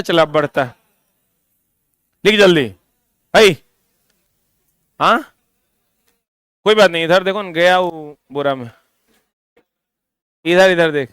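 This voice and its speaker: A man's voice: a little high, a bit bright, clean tone, dry recording. Male teacher quizzing a class. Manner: quizzing students, repeating answers slowly; drifts into stern ranting. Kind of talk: classroom physics lesson.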